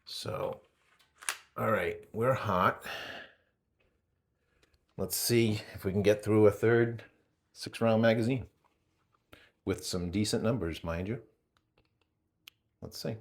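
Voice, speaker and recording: A channel host with a low voice and a New England accent narrates a casual, hands-on gear test at a slow pace, pausing often. He calls out readings one after another, drifting into chatty asides between them in an easy, unscripted manner.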